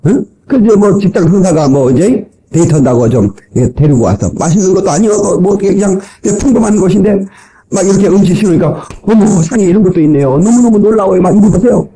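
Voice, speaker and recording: A man's voice: high-pitched, animated, quick pace, mellow, poor audio. A male pastor preaching a sermon in a church, joking with the congregation and mimicking people's voices.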